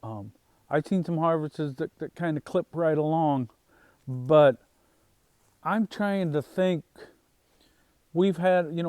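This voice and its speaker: A man speaks casually to camera as a farm vlogger, his voice sitting a bit higher than most men's. He rambles along at an easy pace, stopping and restarting his sentences with lots of "um"s. The sound is close and dry, with no room around it. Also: a little mellow, smooth, no echo. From Northwest Indiana, USA. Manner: unhurried, halting, many fillers and restarts.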